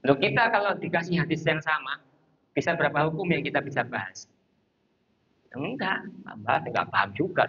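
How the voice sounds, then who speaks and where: High-voiced ustaz lecturing in a mosque. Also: male voice, a little fast, pauses often, lo-fi sound, slight background noise. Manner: animated, acts out little scenes and chants to show intonation. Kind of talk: conversational religious lecture. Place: mosque hall.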